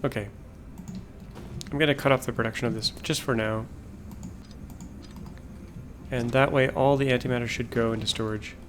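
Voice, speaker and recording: His voice is mid-range with fairly even intonation at a moderate pace, and he pauses often. The host of a gameplay video, he offers casual let's-play commentary on a factory-building game, thinking aloud about his production lines and saying his voice is going. Slight background noise is present.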